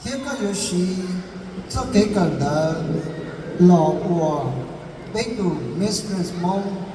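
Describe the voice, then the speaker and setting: A man co-hosts a pageant in a formal announcing style, at a slow, measured pace. His high voice carries through a long hall reverb with faint noise behind it. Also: dark tone, distant mic. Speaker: pageant co-host, question translator. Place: large event hall.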